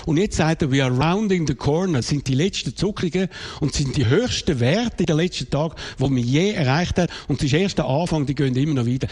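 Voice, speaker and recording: A Swiss German man with a fairly high voice, pressing his debate partner with pointed questions. He keeps pushing for serious answers as one of the show's hosts. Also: lively intonation, a little fast, darkish tone, husky. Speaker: debate co-host. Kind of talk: heated casual debate.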